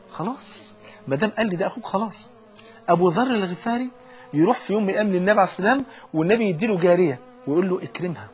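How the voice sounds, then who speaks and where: A man's voice: fairly high pitch, a little hiss or hum. A man with an Egyptian Arabic accent preaching a colloquial sermon and telling stories animatedly, acting out the dialogue.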